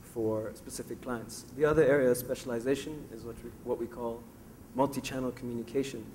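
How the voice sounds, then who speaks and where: A man's voice: mid-range voice, steady tone, brisk, darkish tone, slight background noise. Fluent man presenting his firm. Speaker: panelist, managing partner. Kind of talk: panel self-introduction. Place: conference panel.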